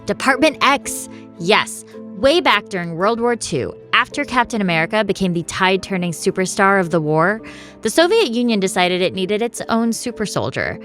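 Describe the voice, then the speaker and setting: A woman's voice: medium pitch, sing-song, normal speed, fairly bright tone, faint music behind. A woman co-hosting a scripted podcast, narrating with a playful, teasing manner. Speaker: podcast co-host.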